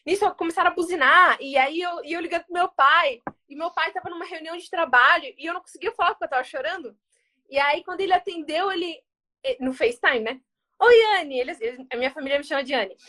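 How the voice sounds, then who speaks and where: A woman with a very high, bright voice tells her story with lively energy. She acts out the voices of the people in it. She sounds like a guest in an interview. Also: quick pace. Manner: animated, acts out quoted dialogue.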